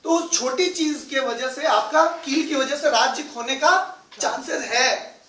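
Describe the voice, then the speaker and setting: A man leads a business training seminar for a live audience, mixing English phrases into his talk and regularly checking in with questions. His very high-pitched, sharp voice is unhurried and sounds far off in an echoey room, with a little hiss or hum.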